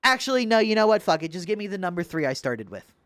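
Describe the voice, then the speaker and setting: A man voicing an indecisive male customer ordering fast food, hesitant and drawn-out. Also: high-pitched, big pitch swings, fairly bright tone, smooth, dry recording. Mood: dithering.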